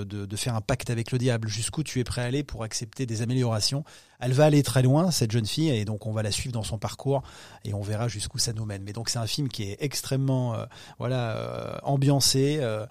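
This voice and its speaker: A man's voice: medium pitch, darkish tone, dry recording, clean studio sound. Hesitant man talking with lots of fillers. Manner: hesitant, many fillers and restarts. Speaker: film distribution executive. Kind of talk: podcast interview.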